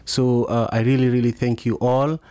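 A man with a strong Kenyan accent hosts a conversational podcast. He grew up speaking Luo and Kiswahili, and his voice sits at a middle pitch in a dry, close recording. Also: little pitch movement, normal speed, mellow, dry recording. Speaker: podcast host. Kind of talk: casual conversational interview.

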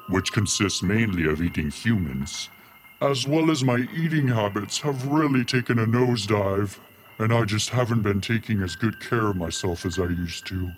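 A man's voice: medium pitch, a little hiss or hum, close to an everyday voice. A man voicing a lazy, self-pitying ghost host with a theatrical spooky drawl.

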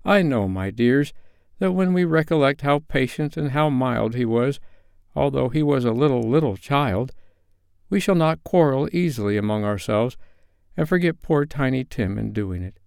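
A man's voice: mid-range voice, expressive, moderate pace, gravelly, darkish tone, clean tone, no echo, studio quality, pitched above the performer's own voice. A man voicing a kindly, talkative Victorian father from a storybook, earnest and effusive in his tenderness. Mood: tender, moved.

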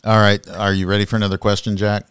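A man asking interview questions in a relaxed, conversational way. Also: fairly low pitch, quick pace, clear, resonant tone, no room sound, clean studio sound.

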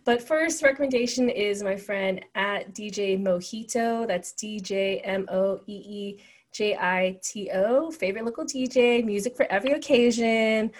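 A woman's voice: mid-range voice, normal speed. A woman co-hosting a podcast in casual chat, upbeat and encouraging. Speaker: podcast co-host.

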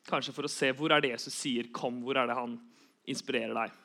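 A man's voice: mid-range voice, steady tone, bright, forceful tone. A young man giving an earnest sermon, repeating key phrases for emphasis. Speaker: preacher.

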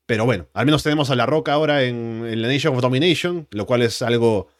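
Man, wrestling commentator, measured matter-of-fact delivery, very dry recording. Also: mid-range voice, no echo. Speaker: wrestling show co-host. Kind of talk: wrestling commentary, recapping match moves.

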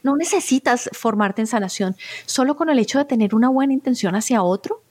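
A middle-aged woman speaks as an interview guest and tells her own experiences. She is earnest and heartfelt, and her voice sits fairly high. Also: animated, a little fast, a little mellow. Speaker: spiritual therapist guest. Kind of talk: interview conversation, personal storytelling.

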